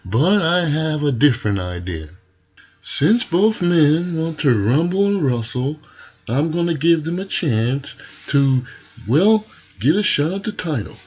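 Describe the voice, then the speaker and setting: A man's voice: a little high, big pitch swings, a little slow, darkish tone, husky, highs cut off, full character voice. A man playing a stern, indignant wrestling federation president delivering an emphatic, authoritarian wrestling promo. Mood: stern, declaring.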